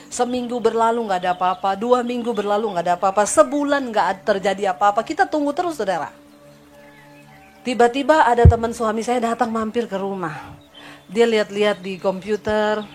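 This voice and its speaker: A woman preacher telling a personal testimony to her congregation, acting out the dialogue and calling the listeners "saudara". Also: on the high side. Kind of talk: sermon testimony.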